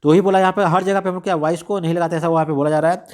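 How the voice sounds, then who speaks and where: A man's voice: fairly high pitch, fairly even intonation, racing. A young man from India teaching an exam-prep lesson, explaining conversationally with rhetorical questions and repetition. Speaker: exam tutor. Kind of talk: casual spoken lecture.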